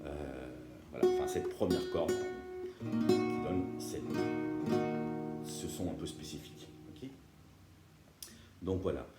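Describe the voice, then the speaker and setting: A man's voice: a bass voice, slow, pauses often. A man teaching beginners guitar step by step, patient and often checking that viewers follow. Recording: roomy room with loud guitar playing.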